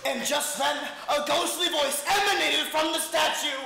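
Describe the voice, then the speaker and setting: A woman's voice: high-pitched, moderate pace, gravelly, sharp tone, faint music behind, heavily acted. A woman playing a matter-of-fact fairy tale narrator in a comic stage show. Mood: storytelling. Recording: echoey stage with faint noise.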